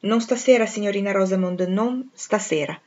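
A woman's voice: mid-range voice, fairly even intonation, quick pace, darkish tone, close to an everyday voice. A woman reading the lines of a stern, reserved young clergyman, curt and restrained, on a dull lo-fi recording.

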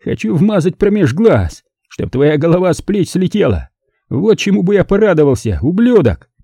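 A man voicing a vicious male hitman who snarls threats in a voice hoarse with rage, in an audiobook. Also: high-pitched, sing-song, moderate pace, dark tone, dry recording, studio quality, voice pushed up, heavily acted. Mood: furious, threatening. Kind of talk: audiobook character voice.

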